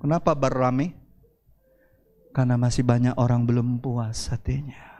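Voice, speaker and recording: A man preaching a church sermon as pastor, with dramatic swings of pitch and loudness. Faint music plays behind him. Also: little pitch movement, moderate pace.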